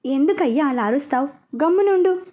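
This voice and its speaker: A cocky male gangster, put on by a woman reading a story, who taunts and threatens with a boastful edge. The voice sits high and dark-toned, and every line lands as a sneering challenge. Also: expressive, fairly quick. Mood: taunting.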